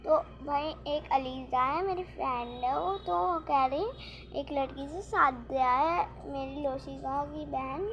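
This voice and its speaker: A young woman vlogger telling a rambling, excitable story about her day in casual chat. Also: high-pitched, slight background noise. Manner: rambling, restarts often, excitable retelling.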